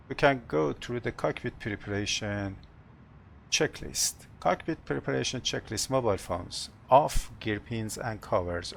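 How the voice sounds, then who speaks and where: A man who is a non-native English speaker, working as an airline captain, talking through cockpit procedures and announcements in short, halting, procedural phrases. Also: on the low side, gravelly, slight background noise. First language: not English. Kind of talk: cockpit procedure narration, checklist callouts and announcements.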